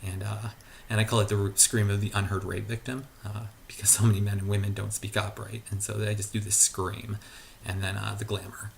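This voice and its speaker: A man's voice: on the low side, level tone, brisk, creaky, a little hiss or hum. A man talking casually in his garage, rambling and hesitant, with many fillers and restarts. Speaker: vlogger. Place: garage at home.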